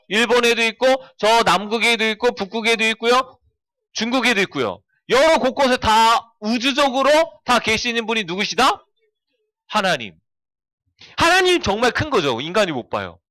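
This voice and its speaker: A man's voice: extremely high pitch, animated, moderate pace, pushed and bright, no echo. A man giving a children's sermon, constantly asking the kids questions and answering them himself. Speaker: children's pastor.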